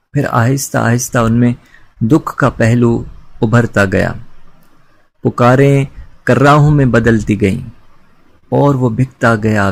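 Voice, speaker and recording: A man narrates a literary short story with measured, dramatic delivery. His pitch is typical for a man, neither high nor low. The reading is steady and carefully paced. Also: vocal fry.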